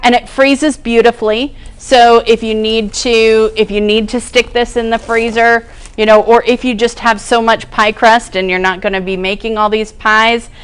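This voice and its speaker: A woman's voice: on the high side, little pitch movement, moderate pace, few pauses, clean tone. A woman cooking instructor giving a casual demonstration in a kitchen classroom, chatting through each step as she works. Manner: chatty, explains each step while working.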